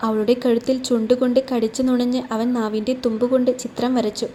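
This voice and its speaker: A woman's voice: on the high side, flat delivery, fairly quick, dark tone, a little hiss or hum. A woman storyteller narrating a romance story, reading every character in her own voice.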